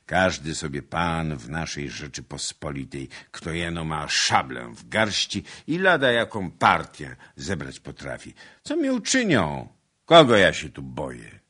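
A hot-headed young cavalier, put on by a male audiobook reader. The voice is husky and lifts well above his low base, brash and boastful. The pitch swings widely while the pace stays unhurried. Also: animated, exaggerated voice. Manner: boastful, loud and pleading by turns. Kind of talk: audiobook character reading.

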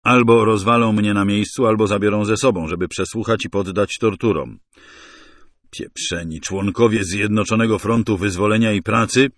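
A man reading a first-person thriller audiobook in a wry, hard-boiled, measured way. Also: on the low side, no room sound, clean studio sound. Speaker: audiobook narrator.

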